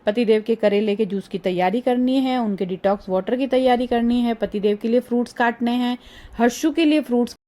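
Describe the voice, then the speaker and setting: Middle aged woman rambling homey vlog voiceover, kinda hoarse, a bit high. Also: a little fast, mellow. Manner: chatty, rambling, homely. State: slightly hoarse. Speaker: vlogger. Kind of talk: casual vlog voice-over. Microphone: phone.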